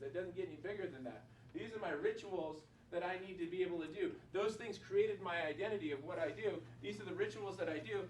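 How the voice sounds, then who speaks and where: Middle-aged male speaker, a little high-pitched, loose rambling delivery, heard at a distance. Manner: casual, filler-heavy, repeats himself. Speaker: chiropractor giving a talk. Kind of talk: motivational talk to a group. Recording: echoey room, far from mic, noisy.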